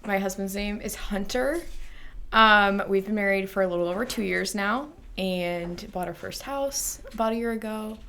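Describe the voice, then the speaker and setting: Young woman from the American Midwest, podcast guest, chatty and loose, mid-pitched voice. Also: normal speed, a bit bright, slight background noise. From Midwestern United States. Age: 20s. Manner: chatty, a bit scattered. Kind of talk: casual chat.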